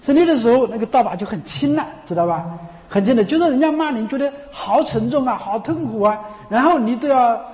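A man giving a Buddhist sermon, emphatic and animated, chuckling often and constantly asking his listeners whether they understand. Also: very high-pitched, a little fast. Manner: emphatic and rhetorical, often asks the listeners "you know?". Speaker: Buddhist teacher. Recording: long hall reverb.

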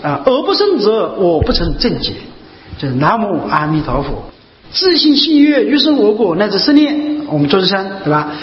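A man's voice: high voice, very animated, normal speed. A man giving a Buddhist dharma talk, asking his listeners rhetorical questions and repeating key phrases again and again. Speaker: Buddhist teacher. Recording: muffled, echoey hall recording with faint hiss.

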